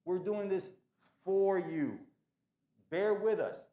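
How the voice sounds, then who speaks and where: Man, school administrator on morning announcements; earnest, emphatic, repeats himself; fairly high voice, echoey room. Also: takes it slowly, warm tone.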